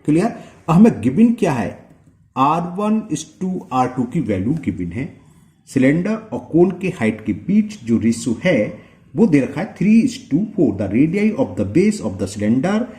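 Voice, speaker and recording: Male maths teacher, patient step-by-step explainer who keeps checking in with the viewer; mellow tone, animated pitch. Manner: slow, step-by-step, asking the viewer questions. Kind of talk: explaining a multiple-choice solution.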